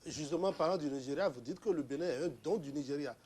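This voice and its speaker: A man conducts an interview with brief prompts. He speaks fast and his voice sits fairly high. His questions are short and to the point. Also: warm tone, slightly rough.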